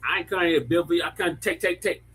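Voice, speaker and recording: Mocking African immigrant man , a man puts it on, sing-song lilt, pitched up. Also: fast talker, fairly bright tone, breathy edge. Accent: put-on African accent.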